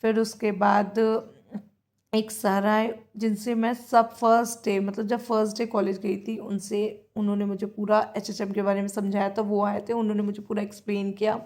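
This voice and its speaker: A woman's voice: mid-range voice, little pitch movement, moderate pace, darkish tone. A young woman in her twenties with an Indian accent, chatting casually in a diary-style vlog and often correcting herself as she goes. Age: 20s. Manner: chatty, self-correcting, mixes in English phrases. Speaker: vlogger. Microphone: handheld phone camera.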